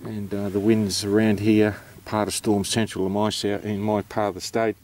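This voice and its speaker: A man's voice: lowish voice, flat delivery, moderate pace, a little mellow, slight background noise. A man with an Australian accent giving an informal, matter-of-fact explanation, hesitant and unscripted as he goes. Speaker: amateur radio operator presenting.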